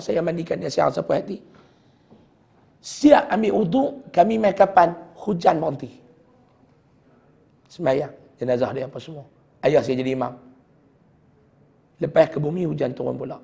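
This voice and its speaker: A middle-aged man with a Kedah Malay accent, a religious teacher telling a heartfelt personal story in a sermon, often sinking to a hushed voice. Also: on the high side, normal speed, gravelly, long pauses. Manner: heartfelt storytelling, dropping to a hushed voice at sad moments.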